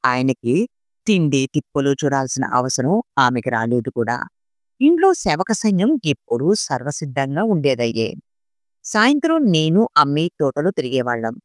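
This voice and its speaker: A woman narrating an audiobook story reading in an expressive storytelling manner. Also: a bass voice, normal speed, dry recording, clean studio sound.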